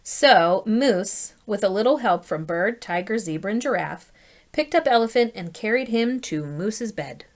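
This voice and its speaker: With a medium-pitched voice, a woman acting as a teacher reads a children's tale aloud, lively yet deliberate, and keeps questioning her listeners.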